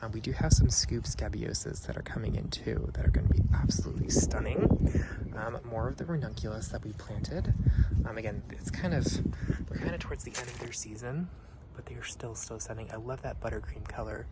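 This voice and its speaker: A man's voice: mid-range voice, brisk. A man giving a casual, enthusiastic tour of a client's garden, gushing over the plants with lots of ums. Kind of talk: casual walkthrough vlog. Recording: loud wind and traffic noise outdoors.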